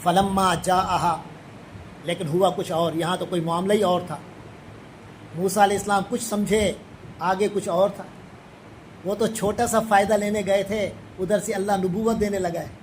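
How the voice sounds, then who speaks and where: A middle-aged man from Pakistan, teaching a Quran commentary lesson. He recites the Arabic verses slowly, then explains them quickly in plain speech. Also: high-pitched, fairly even intonation, a little mellow, a little hiss or hum, low-quality recording.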